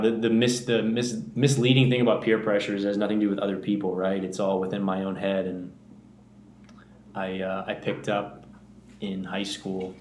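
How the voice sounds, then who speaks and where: Low-voiced guy in his 30s from the bahamas, candid and reflective, echoey room with a little noise. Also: darkish tone. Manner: candid, reflective, many fillers and restarts. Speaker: podcast guest. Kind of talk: personal recovery story.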